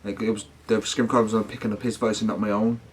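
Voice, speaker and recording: A man's voice: on the low side, little pitch movement, rapid-fire, slightly rough. Man, casual rambling vlogger. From United Kingdom. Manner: rambling, slangy, with self-corrections. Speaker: paranormal investigation vlogger. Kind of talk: casual talk to viewers.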